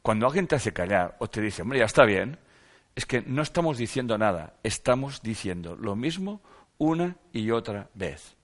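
A man's voice: lowish voice, big pitch swings, normal speed. A man giving a reflective self-help talk, reading passages aloud and asking rhetorical questions with repeated phrases for emphasis.

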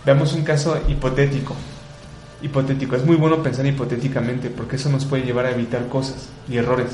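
A man's voice: mid-range voice, little pitch movement, fast, darkish tone, slight background noise. Earnest man, roomy sound. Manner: earnest, rhetorical questions, repeats words for emphasis. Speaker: radio host. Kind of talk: reflective commentary on environmental issues.

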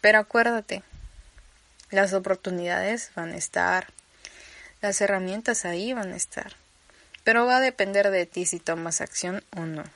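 Young Mexican woman, Campeche accent, solo podcast host; bright, chatty, rambling, dry close mic. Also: mid-range voice, normal speed, vocal fry, pauses often, dry recording. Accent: Mexican Spanish, Campeche. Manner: chatty, rambling, laughs easily, playful asides. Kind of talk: casual solo podcast chat.

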